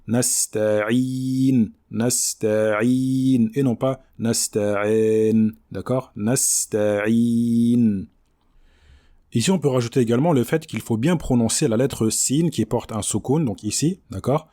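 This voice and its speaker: Male teacher, French accent, patient and methodical, warm mellow voice. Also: medium pitch. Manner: patient, repeats and models each word slowly. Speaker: Quran recitation teacher. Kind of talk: explanatory lesson on recitation.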